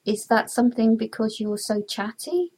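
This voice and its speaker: A woman's voice: on the high side, animated, normal speed, darkish tone, husky, rough recording. A woman interviewing a guest, asking friendly leading questions that often end in a tag like "didn't you?".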